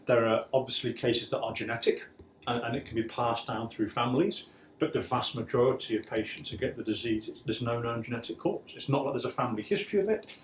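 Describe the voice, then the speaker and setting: A man's voice: mid-range voice, fast talker, a little hiss or hum. A man who works in disease research, explaining the science and the disease in a thoughtful interview. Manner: explanatory, thoughtful, frequent "you know". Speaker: medical researcher. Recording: echoey room with faint ambience.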